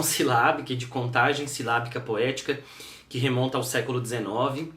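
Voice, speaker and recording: A man's voice: mid-range voice, a bit bright. Man giving a recorded lecture, echoey room. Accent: Brazilian Portuguese. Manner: explanatory, thinking aloud with frequent fillers. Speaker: university teacher.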